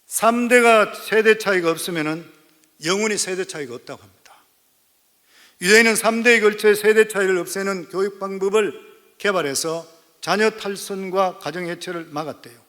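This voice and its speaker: Pastor, man in his 50s, high bright voice, preaching in a church with long reverb. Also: moderate pace. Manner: storytelling sermon, rising to emphatic exhortation. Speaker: senior pastor. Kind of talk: sermon. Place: church sanctuary.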